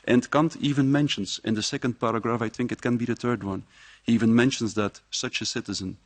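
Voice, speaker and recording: A man speaking as a professor, giving a measured, reflective talk to a live audience. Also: medium pitch, fairly even intonation, dry recording. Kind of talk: public speech at a presentation. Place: live event before an audience.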